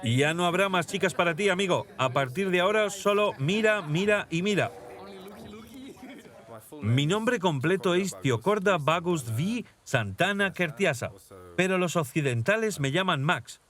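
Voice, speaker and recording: A man dubbing a reflective young prince in a documentary, speaking in a calm, even-tempered way. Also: high-pitched, unhurried, soft background music. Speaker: dubbed interviewee voice-over. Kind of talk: documentary dub voice-over.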